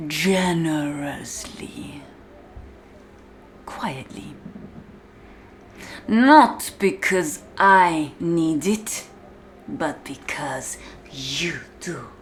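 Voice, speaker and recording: This ASMR-style roleplay features a woman as a domineering, cold warden who speaks directly to the listener, condescending and deliberate, often falling to a whisper. Her deep voice carries a controlling, hushed mood over slight background noise.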